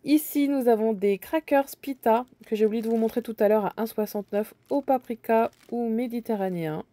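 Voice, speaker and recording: A woman's voice: fairly high pitch, a little fast, dark tone, no room sound. A woman casually walking through supermarket aisles, chatting and thinking aloud as she points out deals, with frequent hesitations. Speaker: bargain-hunting vlogger.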